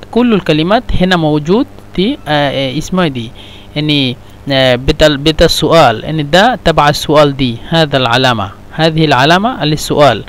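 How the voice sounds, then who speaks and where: A man teaching a casual language lesson, saying each example phrase slowly and repeating it, with English glosses and many hesitant fillers. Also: fairly high pitch, a bit bright, a little hiss or hum. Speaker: Arabic teacher.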